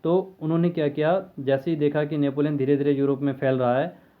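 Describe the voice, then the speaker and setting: A man's voice: fairly high pitch, steady tone, fairly quick. Man teaching history over tinny lo-fi audio. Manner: conversational, asks and answers his own questions. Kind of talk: explaining a history lesson.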